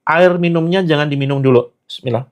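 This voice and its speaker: A man's voice: fairly high pitch, fairly quick. A man leading a live healing session, urging viewers to repeat prayers and commanding spirits to leave.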